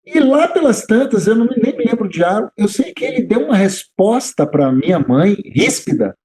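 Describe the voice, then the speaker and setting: A man, a teacher guest telling stories in conversation, animated and acting out dialogue with restarts. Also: high voice, a little fast. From southern Brazil. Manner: animated, acts out quoted dialogue, repeats words when restarting. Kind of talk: conversational storytelling.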